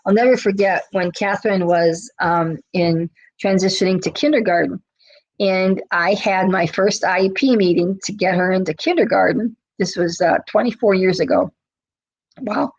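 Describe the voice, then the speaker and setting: A woman's voice: medium pitch, moderate pace, highs cut off. A woman in her fifties, a special education advocate, telling stories in a webinar with many fillers and restarts. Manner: chatty storytelling with many fillers. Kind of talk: webinar presentation.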